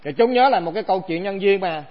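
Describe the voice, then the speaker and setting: High-voiced monk preaching. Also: male voice, lively intonation, quick pace. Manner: conversational, asks the assembly rhetorical questions. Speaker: monk teacher. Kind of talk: Buddhist dharma talk. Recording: dull lo-fi recording.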